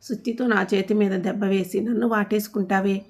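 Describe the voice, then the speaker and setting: A woman's voice: mid-range voice, fairly even intonation, fairly quick, a little mellow, close to an everyday voice. A woman voicing a fussing, clumsy husband. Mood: grumbling. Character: clumsy, fussing middle-aged husband and father.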